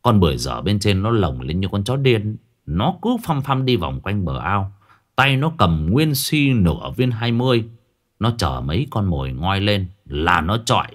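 A man's voice: on the low side, big pitch swings, moderate pace. A man narrating a comic folk tale in an earthy, colloquial way. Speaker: storyteller.

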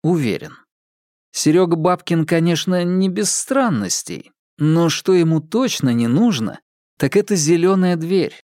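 A man's voice: a little high, very animated, measured pace, a little mellow, no room sound, voice pushed up. A man playing a dry, teasing detective. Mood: wry. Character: calm, ironic young male detective.

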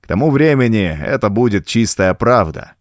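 A man's voice: lowish voice, lively intonation, normal speed, no echo, clean studio sound, lightly acted. A man voicing a scornful, cunning male woodsman in an audiobook, with a taunting, contemptuous manner. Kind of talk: audiobook character voice.

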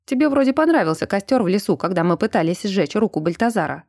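A woman voicing a gruff, protective young man, blunt and bossy, in an audiobook. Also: mid-range voice, lively intonation, fast, a little mellow, dry recording, studio quality. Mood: calm teasing.

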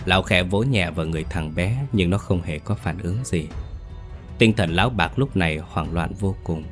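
A man with a very deep voice reads a scripted horror story. His delivery is measured and steady. Quiet background music sits faintly beneath the narration. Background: soft background music.

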